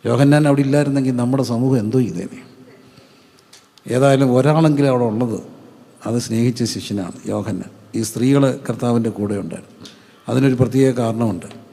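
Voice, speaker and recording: A male pastor preaching a sermon, asking rhetorical questions and answering each one himself in a lower, quieter voice. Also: moderate pace, vocal fry, long pauses, in a large hall.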